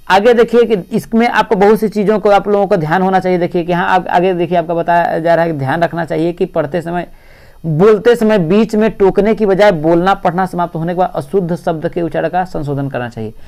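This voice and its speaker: High-voiced man explaining exam answers. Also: darkish tone. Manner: repeats "देखिए" often, explains step by step. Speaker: teacher. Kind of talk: exam-prep lecture.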